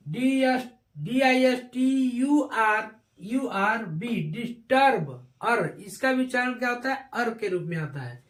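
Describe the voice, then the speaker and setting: A man's voice: very high voice, fairly bright tone. A man teaching an English class, spelling out words letter by letter and repeating his own questions. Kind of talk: spoken English lesson. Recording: echoey room.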